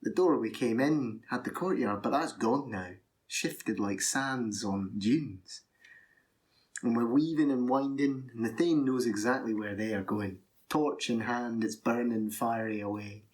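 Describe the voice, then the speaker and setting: A man telling a first-person fairy tale in a lively, animated way, full of wonder. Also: mid-range voice, a little slow. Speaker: storyteller.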